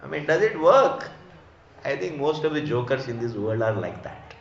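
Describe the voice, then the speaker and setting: A man's voice: mid-range voice, sing-song, moderate pace, creaky, slight background noise. A man with an Indian accent giving a religious discourse as a spiritual teacher, didactic and emphatic, repeating phrases and posing rhetorical questions. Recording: echoey room, slightly dull sound.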